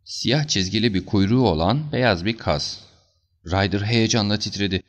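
A man reading a story aloud as audiobook narrator, with an even storytelling delivery. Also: on the low side, normal speed, long reverb tail.

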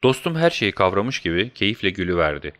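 A man narrating a story in the first person, in a measured storytelling manner. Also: low voice, sing-song, a bit bright. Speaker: audiobook narrator.

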